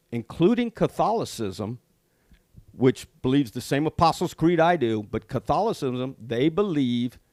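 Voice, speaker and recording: A man's voice: mid-range voice, darkish tone, no echo, clean studio sound. A middle-aged man co-hosting a podcast in casual chat, telling stories earnestly about his faith. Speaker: podcast co-host.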